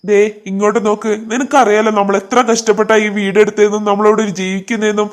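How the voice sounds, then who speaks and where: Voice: medium pitch, flat delivery, quick pace, natural voice. A voice actor playing a husband in a cartoon, reassuring his wife. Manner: reassuring, dismissive. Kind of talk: cartoon voice acting.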